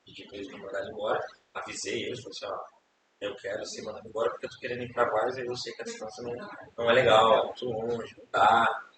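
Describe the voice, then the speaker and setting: With a crowd audible behind him, a young Brazilian man speaks quickly with lively intonation at medium pitch. As a podcast guest, he rambles casually through his life story, repeating words and tagging questions, captured by a distant mic in an echoey, hissy room.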